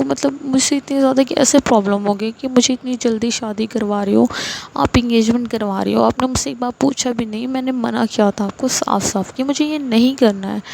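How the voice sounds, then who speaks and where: A woman's voice: a little high, gravelly, darkish tone, a little hiss or hum, poor audio. A woman voicing a hurt young woman, tearful and pleading with her mother against a forced engagement. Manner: pleading, wounded.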